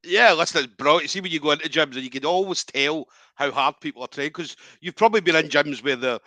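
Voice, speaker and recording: A chatty male interviewer with a bright, forceful tone and a slightly high voice. He keeps things upbeat and leads his guest along. The sound is dry and close. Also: fast talker, no echo. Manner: chatty, upbeat, leading questions. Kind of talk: casual interview chat.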